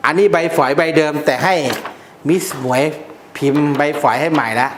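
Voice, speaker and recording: A man explains amulet lore in a casual, jokey, blunt way, throwing in coarse slang. His voice sits a little high for a man. The room around him is noticeably echoey. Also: moderate pace, a little hiss or hum. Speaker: amulet teacher.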